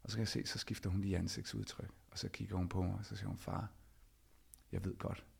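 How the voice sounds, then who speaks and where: Gravelly low-voiced man telling a story. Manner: animated, acts out quoted dialogue. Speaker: podcast host. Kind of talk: personal storytelling.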